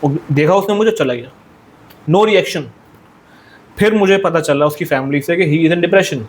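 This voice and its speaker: A man's voice: a little high, a little slow, a little hiss or hum. A young man talking earnestly as a podcast guest, repeating points and mixing English phrases into his speech. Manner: earnest, repetitive, mixes English phrases into Hindi-Urdu. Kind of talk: conversational discussion.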